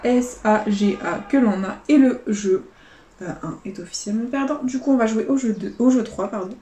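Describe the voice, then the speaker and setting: A woman casually commenting as she scratches lottery tickets, calling out letters and numbers one by one, often quietly. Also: medium pitch, roomy sound, slight background noise.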